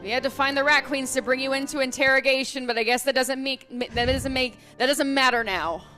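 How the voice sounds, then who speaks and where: A woman playing a shaken town guard survivor in a tabletop game, halting and repeating words. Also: high voice, fairly even intonation, bright, forceful tone, soft background music, voice pushed up. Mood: shaken, bewildered. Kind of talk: in-character tabletop role-play.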